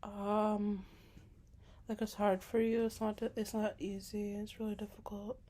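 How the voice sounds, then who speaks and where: A young woman vlogger talks through a casual, personal monologue in a mid-range voice, flat and a little slow. Hesitant and self-conscious, she's soft-spoken, packs her sentences with filler words, and sometimes drops to a whisper.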